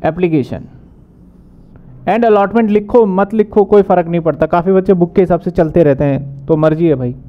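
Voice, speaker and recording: A man teaching accounting in a brisk lecture, asking questions and answering them himself. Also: high voice, dull audio. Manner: brisk, asks and answers his own questions. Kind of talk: whiteboard lecture.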